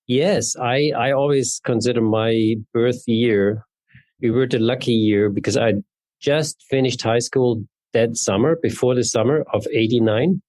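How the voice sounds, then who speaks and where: This interview guest is a neurologist and genetics researcher in his fifties, a man from East Berlin with a German accent giving conversational answers. He speaks unhurriedly in a medium pitch that's a little mellow, and there's no echo.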